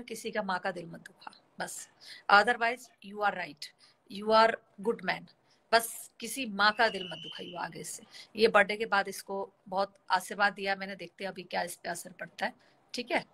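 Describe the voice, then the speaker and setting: A woman's voice: on the high side, sharp tone. A woman hosting a casual live stream on a phone mic, rambling and slipping English words into her talk.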